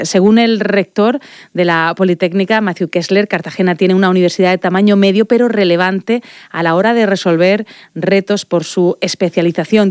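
A woman's voice: fairly low pitch, no echo. A woman, reading the regional news as anchor in a studio. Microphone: studio microphone.

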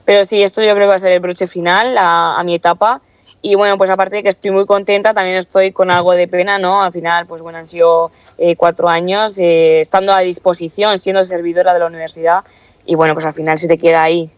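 Speaking a little fast in a low, flat voice, this student council member, a young woman from Castilla-La Mancha, Spain, responds to interview questions chattily, full of fillers and restarts. The sound is dry, dull, and lo-fi.

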